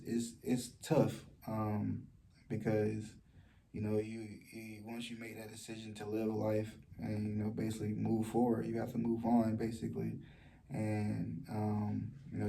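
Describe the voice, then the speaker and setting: A man talking in a personal vlog, speaking softly and low in a halting way, with many fillers and restarts. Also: vocal fry, a little hiss or hum. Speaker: vlogger. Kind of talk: personal vlog, sharing a story of loss.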